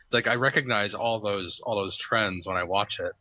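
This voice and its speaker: Guy on a podcast with a bright, sharp voice, rambly stories, dry, muffled mic. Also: lowish voice, normal speed, no room sound. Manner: rambling storyteller, laughs at his own stories. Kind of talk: casual podcast chat.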